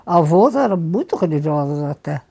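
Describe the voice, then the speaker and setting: An older woman being interviewed, telling lively anecdotes and repeating words for emphasis. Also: deep voice, moderate pace, gravelly, slightly rough. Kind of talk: storytelling interview.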